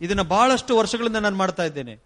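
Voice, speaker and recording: A male interpreter rendering a sermon phrase by phrase, brisk and following the preacher's tone. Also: high voice, expressive, a bit bright.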